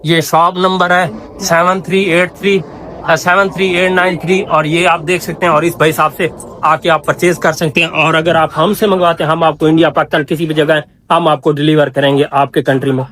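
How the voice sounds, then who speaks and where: Eager man pitching gadgets, higher voice. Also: flat delivery, moderate pace, a bit bright. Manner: eager, salesman-like product pitching. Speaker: travel vlogger. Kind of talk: casual promotional walkthrough. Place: indoor trade center shopping hall.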